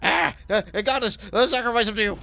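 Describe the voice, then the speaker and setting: A man voicing a frightened but boastful male goblin who stammers in a shrill, quivering voice. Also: fast talker, creaky, pushed and bright, full character voice. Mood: panicked.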